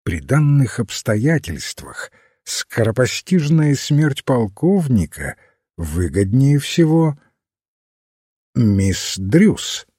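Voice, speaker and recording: A calm, thoughtful priest sleuth, as a male reader puts him on, musing in an unhurried, measured way with a husky, mellow tone. He reasons aloud with quiet patience. The audiobook sound is dry and close, with no room echo. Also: medium pitch, exaggerated voice. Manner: measured, reflective.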